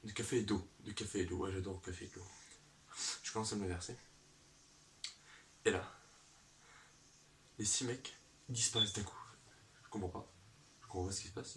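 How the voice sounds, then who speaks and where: Man, low voice, absurd comic storytelling, rambling, spoken sound effects, distant mic, noisy background. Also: a bit bright.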